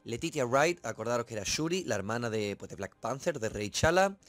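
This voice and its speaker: A man's voice: mid-range voice, expressive, a little fast, no echo. Emphatic, cursing man from Spain. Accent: Spain Spanish. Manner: emphatic, swears freely, repeats for effect. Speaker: film reviewer, channel host. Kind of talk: casual film review monologue.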